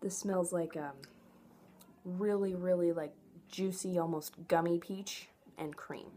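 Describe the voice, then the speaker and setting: Low-voiced young woman, noisy home recording. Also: fairly even intonation, slow, dark tone. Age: young adult. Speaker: product reviewer. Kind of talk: casual review to camera. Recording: noticeable background noise, home camera audio.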